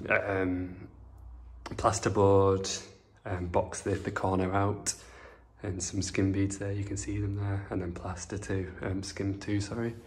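In an empty house being renovated, a man in his twenties chats his way through a rambling house-tour vlog packed with fillers. His voice is low-pitched with little pitch movement, and he takes his time. He's a property renovation vlogger using a phone camera, first in hand and then propped up, with echo from the bare indoor rooms.

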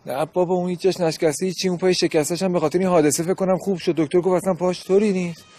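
A man playing a meek brother-in-law who keeps pleading for calm, in a sitcom. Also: sits high. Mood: placating. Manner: pleading, placating. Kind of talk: TV sitcom acting.

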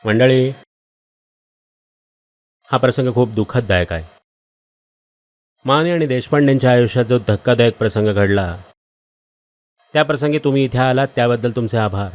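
A man's voice: medium pitch, normal speed, long pauses, lightly acted. An actor playing a man who formally and solemnly addresses a gathering of mourners.

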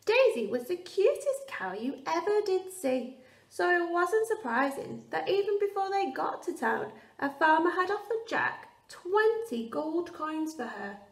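Teacher reading a story to kids. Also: female voice, extremely high pitch, sing-song, unhurried, recorded from a distance. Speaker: primary school teacher. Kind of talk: storybook read-aloud for children. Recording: roomy echo, off-mic.

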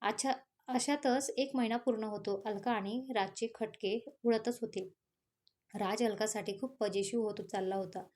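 A woman's voice: mid-range voice, steady tone, moderate pace, a little mellow. A woman reading a romance story aloud as storyteller, voicing all the parts herself, with small slips and restarts.

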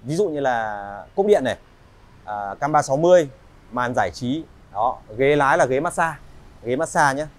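With lively intonation, a thirtysomething Vietnamese salesman tours a spacious indoor showroom, pitching cars politely and chattily. Filler pauses crop up often.

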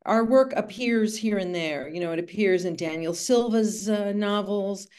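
Her voice is smooth, darkish and mid-range, moving at a normal pace. Interviewed by video call in a bookshelf-lined room at home, this author and art conservator, born in Cuba and in her sixties, recounts her life reflectively and digresses often.

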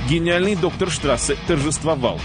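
A man's voice: fairly high pitch, normal speed. A man reading dramatic scripted narration as the narrator of a TV countdown show. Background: music.

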